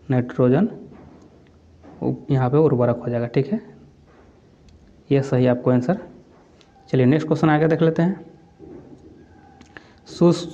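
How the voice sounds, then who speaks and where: A coaching teacher with a medium-pitched, warm voice goes through exam quiz questions, repeating each answer and using "theek hai" as a filler. The sound is lo-fi.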